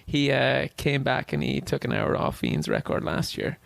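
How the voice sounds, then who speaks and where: A man's voice: mid-range voice, sing-song, moderate pace, gravelly, no echo. Irish guy in his 30s rambling away on a podcast, bit of grit in the voice, swears casually. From Ireland. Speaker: guest. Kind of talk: casual interview chat.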